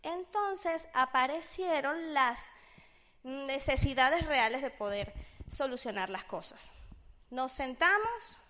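A woman's voice: high-pitched, lively intonation, takes it slowly, sharp tone. A woman in her thirties with a Venezuelan accent, telling a personal business story in a chatty way and acting out what people said. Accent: Venezuelan Spanish. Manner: chatty, acts out quotes, keeps asking "¿sabes?". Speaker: speaker sharing a business testimony. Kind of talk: animated storytelling to an audience.

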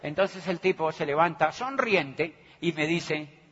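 A man giving an animated motivational business talk, acting out the people in his stories and often checking that the audience follows. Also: a little high, takes it slowly, slight background noise. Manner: animated, acts out the people in his stories, keeps asking "do you understand me". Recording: echoey hall, dull sound.

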